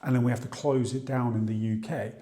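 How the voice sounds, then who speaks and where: A man's voice: mid-range voice, fairly even intonation, fairly quick, mellow. A man from the UK talking casually to camera in a vlog, chatty and thinking aloud. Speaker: vlogger. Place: outdoors by the sea, then at home.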